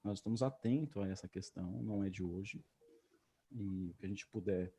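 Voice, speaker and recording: A man's voice: deep voice, normal speed, warm tone, husky. A man, an official giving hesitant remarks full of fillers at a public hearing over a video call. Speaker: tourism agency official.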